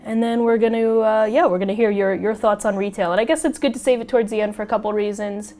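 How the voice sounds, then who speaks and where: A woman hosts a casual podcast chat, chatty, excitable and quick to laugh. Her mid-range voice is a little raspy as she gets over a cold.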